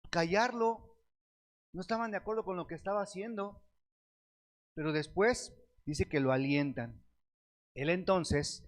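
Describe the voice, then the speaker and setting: Preaching man who asks and answers himself. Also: on the high side. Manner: reads scripture aloud with slow stretched words; addresses the congregation as beloved brethren. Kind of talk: sermon.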